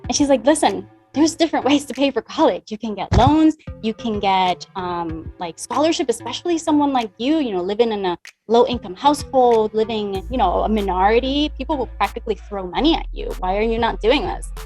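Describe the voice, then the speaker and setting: A woman's voice: a little high, lively intonation, brisk, darkish tone, faint music behind. A woman from the Dominican Republic, a money mindset coach, chatting as a guest in an interview, upbeat and talkative. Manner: upbeat, talkative, acts out past conversations. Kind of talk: conversational interview.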